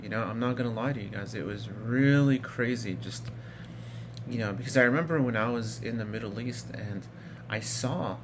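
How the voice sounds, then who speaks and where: This Iraqi vlogger, a man in his thirties, has a mid-range voice and talks at normal speed amid a noisy background. He relates his personal story casually, rambling with plenty of fillers and restarts.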